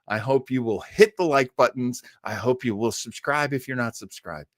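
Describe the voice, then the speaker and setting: Here the old-time radio web show host speaks at a normal speed in a medium-pitched voice, recorded dry and clean. He addresses his livestream viewers casually, rambling with enthusiasm and slipping in playful asides.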